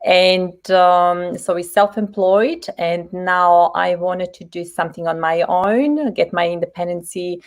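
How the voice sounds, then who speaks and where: Woman from Bosnia, lowish voice, steady with ums, video call. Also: unhurried, few pauses. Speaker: panel guest.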